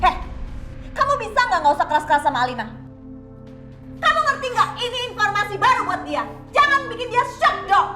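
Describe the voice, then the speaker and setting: A woman's voice: extremely high pitch, very animated, reverberant, music in the background. A protective scolding mother. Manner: scolding, quick, then soothing. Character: protective middle-aged mother, scolding yet gentle.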